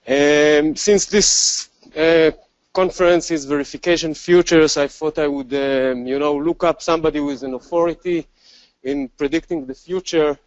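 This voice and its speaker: A man with an Israeli accent giving a technical conference talk, relaxed and self-deprecating, with many fillers and restarts. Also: a little high, normal speed, no room sound, muffled recording. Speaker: conference speaker.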